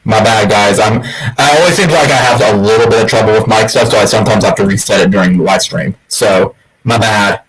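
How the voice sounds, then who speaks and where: A man's voice: on the low side, fairly quick, background noise. A man hosting a casual livestream, his voice tinny and muffled like talking into a tin can through a faulty mic, easygoing and apologetic. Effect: tinny muffled sound, like talking into a tin can, from a faulty mic. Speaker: livestream host. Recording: thin distant faulty headset mic.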